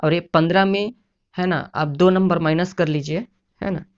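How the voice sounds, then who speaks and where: A man's voice: high-pitched, steady tone, normal speed. A man explaining exam preparation in a casual lecture, often repeating "है ना" and "साथियों". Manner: repetitive, keeps adding "है ना" and "साथियों". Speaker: exam prep teacher. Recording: dull lo-fi sound.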